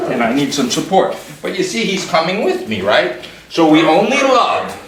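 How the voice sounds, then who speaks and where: Calm man demonstrating dog training, echoey room. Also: mid-range voice. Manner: calm, explanatory, gives short commands to dogs. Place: room in a house. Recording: echoey room, mic far off, background noise.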